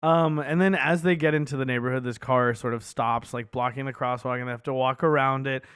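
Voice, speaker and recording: A man's voice: mid-range voice, fairly quick, clear, resonant tone, no room sound, clean studio sound. A man co-hosting a podcast, recapping a movie in casual chat and acting out the characters' lines. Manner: animated, acts out characters' lines in quotes. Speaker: podcast co-host.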